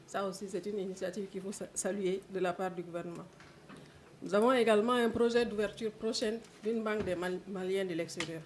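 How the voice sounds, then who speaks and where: A woman's voice: medium pitch, fairly even intonation, fairly quick, a little hiss or hum. A woman member of parliament giving an earnest speech at a forum, stressing her points to the audience.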